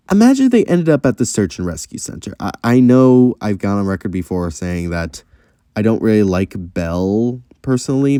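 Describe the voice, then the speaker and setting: A man's voice: fairly low pitch, dark tone, no echo, studio quality. A man giving casual fan commentary, thinking aloud and speculating with fillers and small restarts. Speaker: fan video creator.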